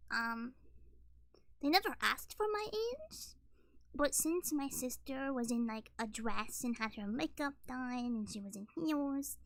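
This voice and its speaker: Young woman streamer, early twenties: bright, slightly scratchy voice, unhurried, casual chat with frequent ums. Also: high-pitched, creaky, dry recording. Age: early 20s. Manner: rambling, many ums and likes.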